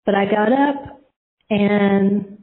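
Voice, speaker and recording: Speaking extremely slowly in a mid-range voice, a middle-aged woman recounts a personal testimony with sincerity. She rambles, restarts often and fills gaps with lots of fillers, and the audio has a thin, phone-like quality.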